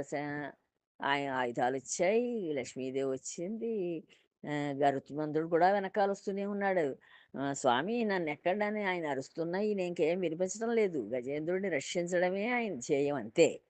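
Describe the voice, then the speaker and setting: A woman narrating a devotional story in a lively, dramatic way, voicing the characters. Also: deep voice, no echo. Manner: lively, dramatic retelling with many voiced quotes. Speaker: spiritual storyteller.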